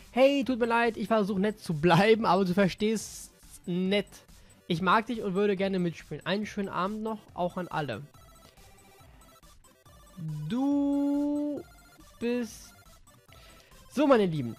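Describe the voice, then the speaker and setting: A man talking casually as a gaming YouTuber, reading out messages in an offhand, slangy way. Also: high-pitched.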